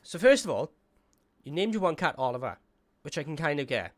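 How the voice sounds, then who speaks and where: A man with a fairly high voice chats and teases as host of a livestream. His voice comes through a close headset microphone with dry livestream audio and no room sound. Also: very animated, no room sound. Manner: chatty, teasing, quick to laugh. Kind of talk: casual chat with guests.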